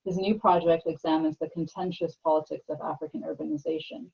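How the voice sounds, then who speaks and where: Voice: medium pitch, steady tone, fairly quick, creaky, a little mellow, husky. A host formally reading scripted introductions of panelists on an online video call, with small stumbles. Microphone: video call microphone. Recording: muffled video-call audio.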